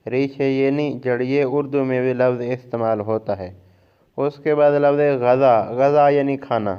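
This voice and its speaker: A man with a Pakistani Urdu accent teaching a vocabulary lesson, repeating each word twice in a slow, drilling way. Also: mid-range voice, fairly even intonation, clear, resonant tone, dull audio. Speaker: language teacher.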